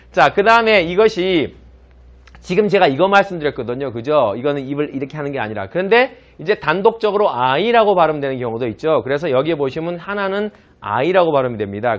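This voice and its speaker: Male pronunciation teacher, slightly high voice, patient explainer who drills the class, dull lo-fi audio. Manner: explains patiently, models English words slowly; asks the class to repeat after him. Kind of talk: classroom lecture.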